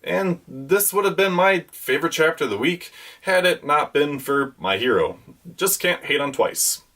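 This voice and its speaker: A man's voice: on the high side, animated, moderate pace, bright, forceful tone. A man hosting a weekly manga review, reading a scripted rundown with enthusiastic fan commentary.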